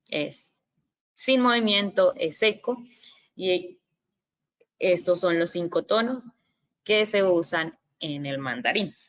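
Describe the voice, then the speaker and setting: Slow-paced and pausing often, this woman presents a virtual Mandarin basics lecture in a voice on the low side, with lively intonation and a fairly bright tone. She's patient, uses many fillers, and sounds out example syllables to demonstrate tones. Audio from her computer mic on the video call is slightly dull and lo-fi.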